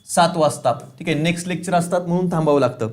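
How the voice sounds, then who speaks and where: Man, high voice, online lecture, teacher, rhetorical questions, repeats key points. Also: fast talker. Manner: asks questions and answers them himself; repeats key points, says "lakshat theva". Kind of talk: online exam-prep lecture.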